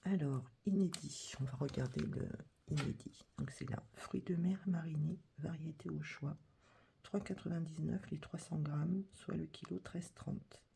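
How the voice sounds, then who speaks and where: A woman reading a supermarket catalogue aloud as whispered ASMR, with a breathy whisper and soft, chatty asides. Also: sits low, measured pace, slight background noise. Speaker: catalogue reader.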